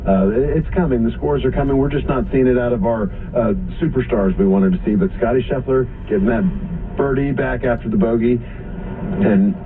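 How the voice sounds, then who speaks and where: A man's voice: medium pitch, normal speed. Distant-sounding male golf analyst on radio. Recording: distant phone-like radio link, faint noise.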